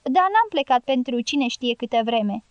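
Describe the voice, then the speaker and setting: A woman's voice: high-pitched, lively intonation, no room sound, muffled recording. A woman reading an audiobook voices a cheerful, fawning male guerrilla hunter who exclaims and wheedles. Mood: excited.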